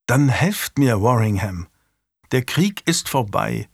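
A man's voice: mid-range voice, expressive, takes it slowly, vocal fry, breathy edge, no echo, heavily acted. A man voicing a young male king who is earnest and commanding and presses his questions in a dry studio recording.

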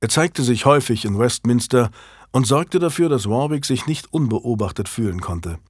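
A man narrating a historical novel in a steady, measured, scripted reading. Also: mid-range voice, breathy edge, dry recording, studio quality. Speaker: audiobook narrator.

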